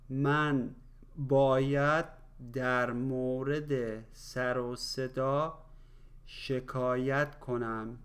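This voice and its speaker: A man with a smooth, resonant voice leads a slow language drill. He breaks each phrase into pieces, then says it again at full speed. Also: medium pitch, fairly bright tone. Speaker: language teacher.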